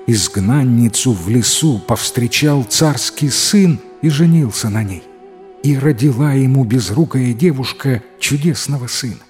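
A man narrating a fairy tale in an expressive, dramatic storytelling manner. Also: mid-range voice. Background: faint music.

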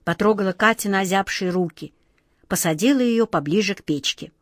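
A woman reading a children's fairy tale aloud with an even, expressive delivery. Her voice sits mid-range. The recording is dry and close. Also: mid-range voice, fairly quick, no room sound. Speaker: narrator. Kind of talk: storybook reading.

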